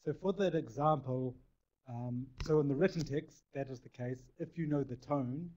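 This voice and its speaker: A man in the audience asking the speaker a careful, measured question after a talk. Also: medium pitch, darkish tone, slight background noise. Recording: muffled lecture recording.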